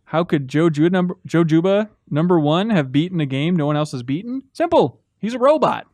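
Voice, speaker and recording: A man's voice: a little high, fairly quick, a little mellow, dry recording. Playful man hosting a podcast. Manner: playful, teasing, laughs often. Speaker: podcast host. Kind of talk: casual podcast chat reading listener mail.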